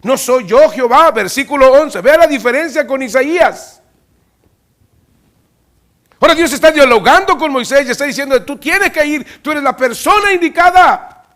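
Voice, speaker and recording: A pastor preaching a sermon in a church, animatedly acting out Bible dialogue with loud rising peaks. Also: male voice, very high voice, animated, moderate pace.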